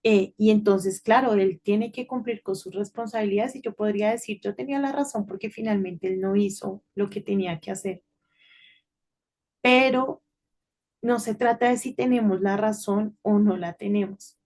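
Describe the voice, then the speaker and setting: A middle-aged woman giving an informal devotional talk to children, telling a story in a chatty way and often checking in with a quick "right?". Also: medium pitch, darkish tone. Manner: chatty storytelling with frequent tag questions.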